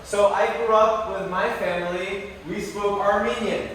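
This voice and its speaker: A man from the United States, near New York City, guests in a university class, chatty and rambling, full of fillers and self-corrections, often quizzing students. His voice is high with fairly even intonation, a little slow and a bit bright. A distant mic in an echoey room adds faint noise.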